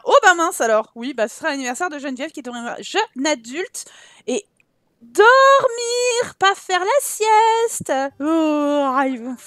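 A woman's voice: high voice, no room sound, studio quality. A woman with a French accent giving casual let's-play commentary, teasing and scolding the characters in her game in an exasperated way. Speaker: gameplay commentator.

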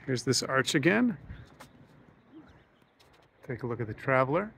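A man who sells yachts, walking through a docked sailboat and describing it in a casual, unhurried way, often pausing with ums and uhs as he points things out. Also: mid-range voice, vocal fry, slight background noise. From United States. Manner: relaxed, thinks aloud with frequent ums and uhs. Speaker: yacht salesman giving a boat tour. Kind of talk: casual walkthrough narration. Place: aboard a docked sailboat, outdoors then in the cabin.

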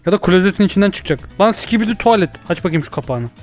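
A young man narrates his VR game in rapid, jumpy bursts. His voice sits high and keeps breaking into yells and curses. Faint game music plays behind him. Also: animated. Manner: rapid, jumpy, yelling and cursing at spiders. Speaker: VR gaming YouTuber. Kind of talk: excited let's-play commentary.

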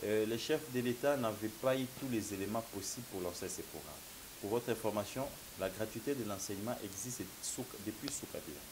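This man has a lowish, expressive voice and a brisk delivery, arguing emphatically as a political analyst in a studio talk show debate while gesturing and repeating "mon cher ami." He's in his thirties, speaks with a Congolese French accent, and has a slight cold. There's faint hiss from his lapel mic.

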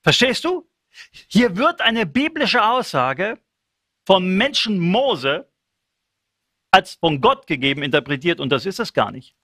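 A man preaching a sermon, emphatic and animated, acting out the lines he quotes. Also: high-pitched, measured pace, dry recording, studio quality.

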